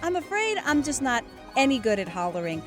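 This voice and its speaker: A woman's voice: high-pitched, big pitch swings, a little fast, over music, voice pushed up. A woman voicing a polite, proper young girl who speaks primly. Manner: prim and polite.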